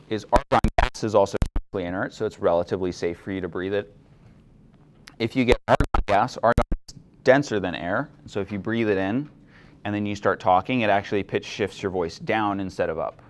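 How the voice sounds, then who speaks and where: A young man teaching a chemistry class, explaining things in a relaxed way and asking students questions. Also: on the low side, slight background noise. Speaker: chemistry instructor. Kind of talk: classroom lecture.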